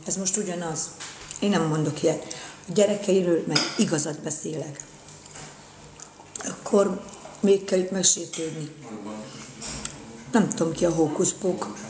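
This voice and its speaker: A woman's voice: on the low side, reverberant. A woman in a casual live-stream rant, indignant and repeating her phrases.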